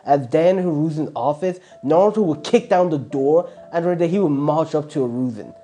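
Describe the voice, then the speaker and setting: A man's voice: on the high side, moderate pace, warm tone. A man casually improvising a fan fiction story, rambling with constant filler words and restarts.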